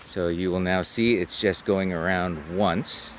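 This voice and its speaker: A man with a low voice narrates a demonstration as an instructor. He explains each step plainly, outdoors, with some faint noise on the recording. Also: fairly even intonation, unhurried. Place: outdoors on a wooded slope.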